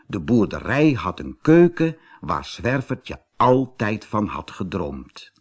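A man narrating a children's fairy tale audiobook in a slow, expressive storytelling manner. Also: lowish voice, slightly rough.

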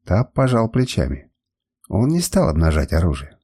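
A man narrating an adventure audiobook in the first person, his voice husky and mellow. He colors the lines with a lively, wide-ranging delivery. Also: low voice, moderate pace. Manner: emotional first-person storytelling.

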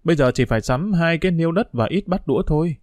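A man doing a calm, sensible street boy. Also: on the high side, quick pace, no room sound, studio quality, lightly acted. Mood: reasoning. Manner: calm, reasoning, mildly scolding.

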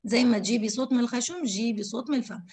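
A woman's voice: a little high, racing, a little mellow. A woman with an Egyptian accent teaching Quran recitation, who speaks straight to her female students and repeats syllables to show how each sound is made. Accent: Egyptian Arabic. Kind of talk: tajweed lesson explaining letter articulation.

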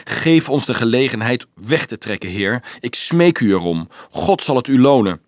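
A man's voice: mid-range voice, lively intonation, moderate pace, dry recording, close to an everyday voice. A man reading a storybook aloud, voicing a brave teenage boy who pleads earnestly with a raised voice. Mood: pleading.

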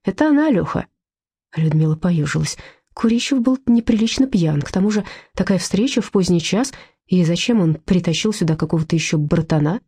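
Husky-voiced woman narrating a story. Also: fairly low pitch, animated, fairly quick, dark tone, dry recording, studio quality. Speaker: audiobook narrator. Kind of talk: scripted narration.

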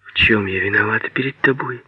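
A man reading an audiobook, voicing a proud but tender young woman who speaks in a hushed whisper. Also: on the low side, brisk, husky, no room sound, highs cut off.

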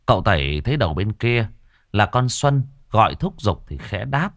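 A man telling a ghost story with dramatic, vivid narration. His voice is low but swings widely in pitch. The recording is dry and close. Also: sing-song, normal speed, a bit bright, no room sound.

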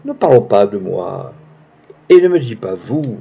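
A man's voice: lowish voice, sing-song, measured pace, creaky, dark tone, slightly rough, pitched below the performer's own voice, heavily acted. A man reading the lines of a young actress with pompous, gushing phrasing, in a dull lo-fi recording. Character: young woman, pretentious theatrical actress.

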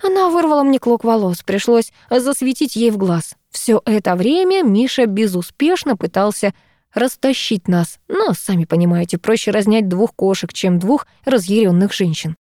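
A woman narrating a first-person audiobook in a lively, expressive way. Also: medium pitch, moderate pace, no room sound, studio quality.

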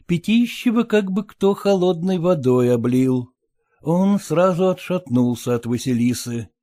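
Low-voiced man narrating an audiobook. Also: animated, measured pace, mellow. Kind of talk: scripted narration.

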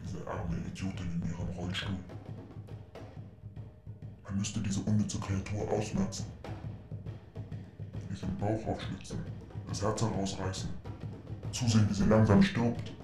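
Male actor as a hateful, low-voiced tape killer, roomy playback, radio drama. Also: little pitch movement, a little slow, long pauses, music in the background, lightly acted. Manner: cold, hateful, brooding. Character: murderous man confessing on a cassette tape. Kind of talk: radio play acting.

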